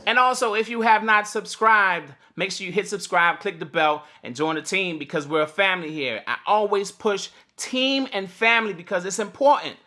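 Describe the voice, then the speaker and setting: A man with a high, bright voice hosts a casual morning livestream and talks easily to his viewers. He greets people by name and laughs often, and his voice sounds slightly cracked. Faint music plays quietly behind him. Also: moderate pace, hardly any pauses. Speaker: host of a morning livestream for delivery drivers.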